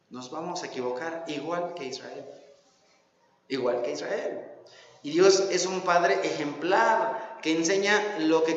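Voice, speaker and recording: A man's voice: fairly high pitch, a little hiss or hum. A man with a Mexican accent preaching a sermon as pastor, emphatic, repeating key phrases and asking rhetorical questions. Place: church hall. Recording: echoey church hall, dull lo-fi sound.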